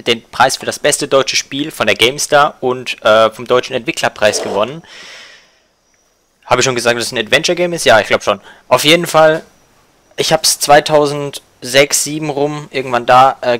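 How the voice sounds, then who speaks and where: A man's voice: mid-range voice, fairly bright tone, no room sound. A man giving casual game commentary as a Let's Play host.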